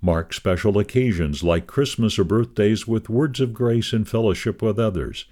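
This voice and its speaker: A man giving a measured, expressive scripted reading of a devotional magazine column. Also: on the low side.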